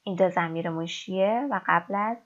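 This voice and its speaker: Gravelly-voiced woman teaching a lesson. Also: lowish voice. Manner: explains step by step, reading example sentences slowly. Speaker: English teacher. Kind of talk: recorded online language lesson. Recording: dull lo-fi recording.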